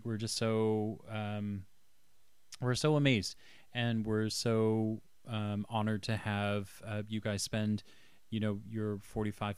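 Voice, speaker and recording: A man hosting a podcast in a casual, hesitant way, often pausing as he finds his words. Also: fairly low pitch, darkish tone, clear, resonant tone, no room sound. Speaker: podcast host.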